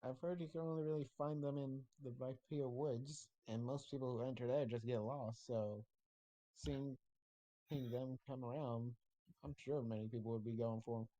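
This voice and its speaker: A man serves as game master at a tabletop session, describing the scene in a casual, off-the-cuff way. He often stumbles and restarts mid-sentence. His pitch sits at an ordinary middle level for a man. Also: fairly even intonation, normal speed, dark tone, dull audio.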